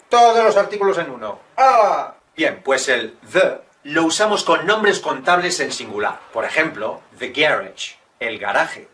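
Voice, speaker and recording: A man teaching English in a video lesson. He makes jokey asides and reads his English examples slowly and carefully. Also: medium pitch, bright, forceful tone, recorded from a distance. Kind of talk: Spanish-language English lesson.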